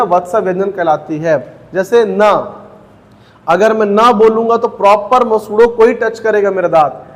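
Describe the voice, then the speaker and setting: A man with a high voice teaching an exam-prep grammar class. He asks the students questions, answers them himself and says each sound slowly, one by one. The room gives his voice a long, lingering reverb.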